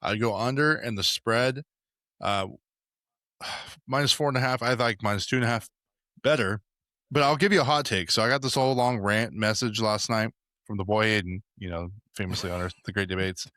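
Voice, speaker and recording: Low-voiced bright young man, casual chat. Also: normal speed, no room sound, studio quality. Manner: rambling, many fillers. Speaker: podcast host.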